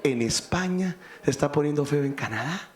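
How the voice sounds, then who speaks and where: Impassioned high-voiced preacher, echoey hall. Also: male voice, expressive, moderate pace. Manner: impassioned preaching, rising to shouts. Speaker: pastor. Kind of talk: sermon.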